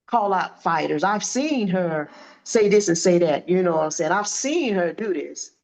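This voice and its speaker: A woman in her fifties, a boxer being interviewed, telling stories in a lively, animated way and acting out what people said. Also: lowish voice, moderate pace, low-quality recording. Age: 50s. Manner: animated, acts out quoted dialogue. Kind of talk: casual interview storytelling.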